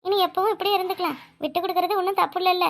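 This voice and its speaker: A woman voicing a meek young daughter-in-law in a cartoon, with a Kanyakumari Tamil accent and a soft, pleading way of talking. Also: extremely high pitch, fairly even intonation, very fast. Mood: thoughtful. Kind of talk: cartoon voice acting.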